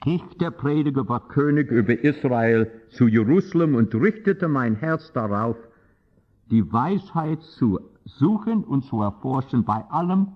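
A man's voice: medium pitch, lively intonation, a little slow. A man preaching a sermon with passion and emphasis, his phrasing clumsy and often ungrammatical. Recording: dull lo-fi recording.

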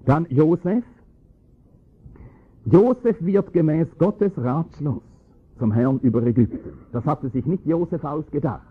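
A man preaching a sermon, explaining scripture with emphatic, rising stress on key points and a husky voice. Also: on the high side, lively intonation, measured pace. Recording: tinny phone-like lo-fi recording.

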